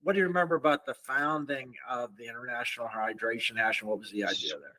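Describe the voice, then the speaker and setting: Bright-voiced man hosting a podcast. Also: medium pitch, quick pace, low-quality recording. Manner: prompting questions, joking asides. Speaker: podcast host. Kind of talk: conversational interview.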